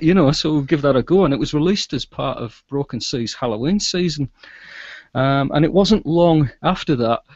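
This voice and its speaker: The interview guest, a middle-aged audio drama producer and sound engineer, has a somewhat mellow mid-range voice and chats in a relaxed, talkative way. He joins by video call from a small indoor room lined with shelves, and his audio is dry and echo-free but a little muffled.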